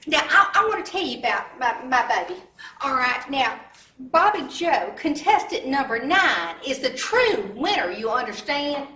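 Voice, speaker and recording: A woman's voice: high-pitched, bright, forceful tone, roomy sound, distant mic, heavily acted. An actress playing a boastful, doting country pageant mother with a folksy way of talking.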